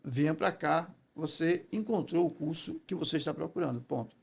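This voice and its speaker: A Brazilian interview guest who teaches public speaking tells stories in a conversational but emphatic, didactic way, often checking that his listener agrees. His voice is on the high side, expressive, gravelly, and husky, at a moderate pace.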